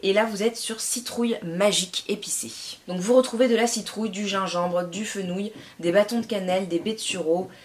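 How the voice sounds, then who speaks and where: A woman's voice: mid-range voice, moderate pace. A young woman chatting enthusiastically as she presents a tea subscription box, with frequent hesitations. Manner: chatty and enthusiastic, many fillers. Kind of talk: casual unboxing vlog.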